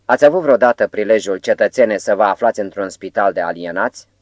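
A man's voice: lowish voice, lively intonation, no echo, lightly acted. A man voicing a young, hot-headed and suspicious male poet in an audiobook, speaking bluntly and combatively.

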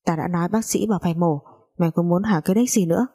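Woman reading a bullying older mother, foul-mouthed, mellow husky low voice. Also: rapid-fire. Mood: scolding. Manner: coarse, cursing, scolding.

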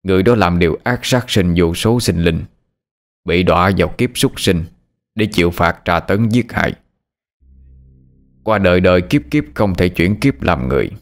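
A man voicing a solemn male spiritual master who explains matters gravely, in a spoken horror story. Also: deep voice, expressive, moderate pace. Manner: solemn, instructive.

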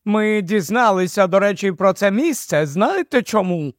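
A cheerful, knowledgeable doctor, as an audiobook narrator plays him, explaining eagerly in a fairly high voice. The recording is close and dry. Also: male voice, lively intonation, moderate pace, dry recording.

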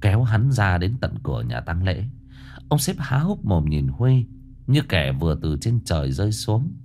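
Expressive male ghost-story narrator. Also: sits low, moderate pace. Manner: expressive, suspenseful reading.

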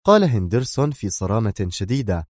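Low, mellow male narrator. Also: no echo, studio quality. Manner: steady, measured. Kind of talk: scripted audiobook narration.

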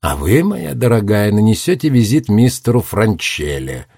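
A man's voice: fairly low pitch, big pitch swings, moderate pace, vocal fry, warm tone, dry recording, clean studio sound, exaggerated voice. A man reading a cold, ironic warlock. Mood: commanding. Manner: commanding, dryly ironic. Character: cold, calculating adult male warlock.

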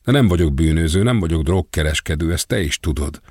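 Guy doing a boastful jailed guy, breezy and pleased with himself, deep husky voice. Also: animated, a little mellow, dry recording, studio quality, exaggerated voice. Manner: breezy, self-satisfied. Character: jailed man, cheerful and boastful.

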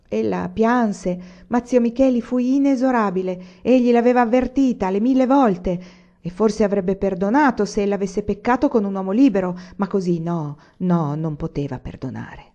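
A woman reading a classic novel aloud in a steady, measured audiobook narration. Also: mid-range voice. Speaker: audiobook reader. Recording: slightly dull lo-fi recording.

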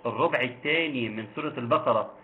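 A man with an Egyptian accent teaching Quran recitation, quizzing listeners and slowly chanting verses. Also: mid-range voice. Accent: Egyptian Arabic. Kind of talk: online tajweed lesson. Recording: tinny phone-like line with faint noise.

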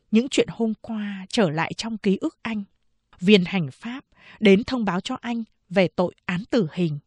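A woman reading a novel aloud as an audiobook narrator, in steady, measured narration. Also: mid-range voice, breathy edge, no room sound.

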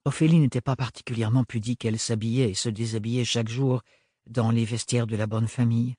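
A man reads a novel aloud in a measured storytelling voice, with a husky grain to it. The recording is dry and close, with no room sound. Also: mid-range voice, steady tone, dark tone, dry recording. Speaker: audiobook narrator. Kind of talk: scripted novel narration.

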